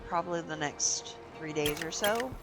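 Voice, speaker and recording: A woman's voice: deep voice, moderate pace. A woman game streamer chatting casually and sleepily, meandering with lots of ums. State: sleepy, yawning. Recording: game music playing behind.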